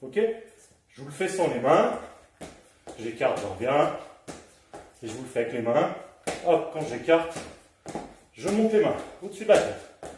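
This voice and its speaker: A man's voice: mid-range voice, big pitch swings, a little slow, long pauses, a little mellow, a little hiss or hum. A man teaching a home workout, coaching and encouraging, slightly out of breath as he exercises along. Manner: encouraging, counts down and coaches moves while exercising. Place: room at home. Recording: very echoey room, mic far off.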